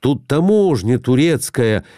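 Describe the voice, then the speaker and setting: A man doing a gruff, exasperated merchant husband. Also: mid-range voice, sing-song, measured pace, dark tone, no echo, clean studio sound. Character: bluff Russian merchant husband, middle-aged.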